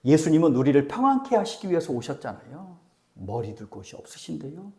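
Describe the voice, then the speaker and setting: High-voiced pastor with a lively, swinging delivery. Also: male voice, fairly quick. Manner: dramatic swings from loud exhortation to near-whispers; asks the congregation questions. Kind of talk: sermon.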